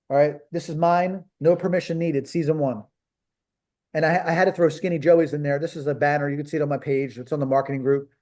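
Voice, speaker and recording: A man's voice: a little high, warm tone. A man from Philadelphia, coaching on a call in a blunt, emphatic way that repeats points for stress. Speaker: business coach.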